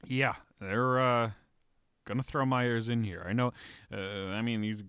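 A man's voice: mid-range voice, measured pace, clear, resonant tone, no echo, clean studio sound. A man co-hosting a podcast, ranting in casual sports chat, frustrated and swearing. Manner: frustrated, swearing, lively rants. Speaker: podcast co-host.

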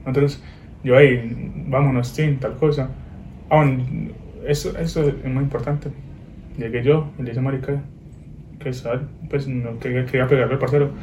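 A young man, telling an animated story in casual chat, full of slang. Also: normal speed, reverberant. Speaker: guest. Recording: noisy low-quality recording.

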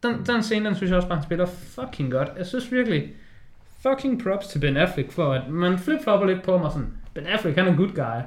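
Animated, swearing man in a roomy space. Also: high-pitched. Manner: animated, swears often, acts out scenes in quoted voices. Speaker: podcast co-host. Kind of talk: casual film discussion. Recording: roomy echo.

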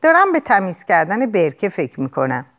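A woman's voice: medium pitch, huge pitch swings, fairly bright tone. A woman reading as a weary eccentric father. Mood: offhand.

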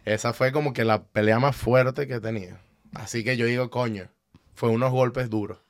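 A man's voice: mid-range voice, moderate pace, no room sound, clean studio sound. A young man, telling a party story in casual chat and acting out what people said. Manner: animated, acts out quotes.

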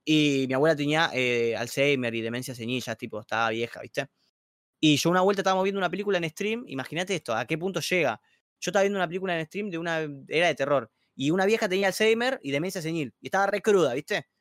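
A young man with a Rioplatense Argentine accent, talking in slangy, animated bursts on a livestream chat. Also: fairly high pitch, fast talker, no room sound, studio quality. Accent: Rioplatense Spanish. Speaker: streamer guest. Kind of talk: casual chat on a stream.

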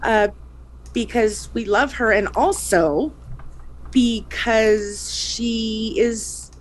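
A woman co-hosting a casual podcast, bubbly, quick to laugh and chime in. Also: on the high side, poor audio. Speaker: podcast co-host.

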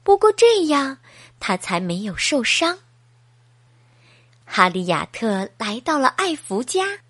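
Slow, sing-song woman storyteller. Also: fairly high pitch, sing-song, a bit bright, dry recording. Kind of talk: bedtime story reading for a child.

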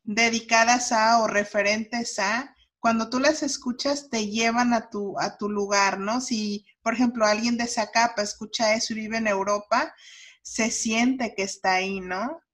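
A woman's voice: on the high side, steady tone, a little slow, a bit bright. A woman from Mexico with a Mexican accent, interviewing a guest and musing aloud with many tag questions. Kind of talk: casual interview.

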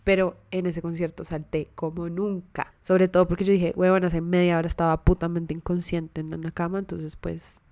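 A woman's voice: on the low side, little pitch movement, normal speed, hardly any pauses, a little mellow, dry recording. A young woman hosting a podcast, telling a story in a candid, chatty way, with casual swearing, close to the microphone. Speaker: podcast host.

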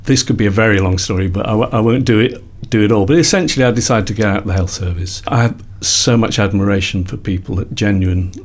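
A man's voice: on the low side, quick pace, few pauses. A man in his sixties from Liverpool, a psychologist guest telling his career story in a reflective, rambling way with many self-corrections. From Liverpool, England. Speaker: guest, company founder and psychologist. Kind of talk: casual interview conversation.

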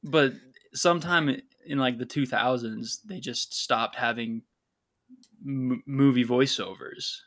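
A man's voice: mid-range voice, slow pace, a bit bright. Jokey man hosting a casual podcast. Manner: jokey, laughs often, steers the talk. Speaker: podcast co-host. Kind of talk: casual chat.

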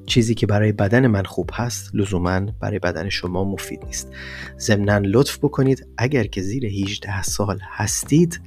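Low-voiced Iranian man hosting a podcast. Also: darkish tone, soft background music. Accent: Iranian Persian. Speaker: podcast host. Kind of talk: explanatory solo podcast talk.

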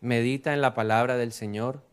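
Man, pastor, middle-aged, lively sermon, asks the congregation questions, medium pitch. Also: a little fast, clean tone. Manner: lively preaching with rhetorical questions.

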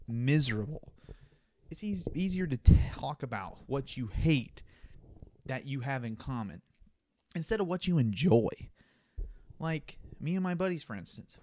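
Man, solo podcast host, rambling, casual, loose chat over beers, mid-pitched voice. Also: darkish tone. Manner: rambling, drinking beer while talking.

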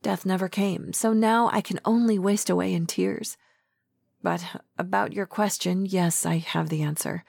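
A woman's voice: mid-range voice, fairly even intonation, a little slow, gravelly, a little mellow, dry recording. Sorrowful queen, full of regret, as an audiobook reader puts her on. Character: remorseful beautiful queen, sorrowful and self-reproaching.

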